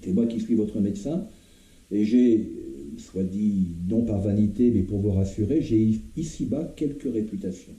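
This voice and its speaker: A man's voice: lowish voice, moderate pace, warm tone, natural voice. A man voicing a young doctor who speaks in a soothing, solemn, courteous way. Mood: reassuring. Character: calm reassuring young male doctor. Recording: roomy, dull lo-fi recording.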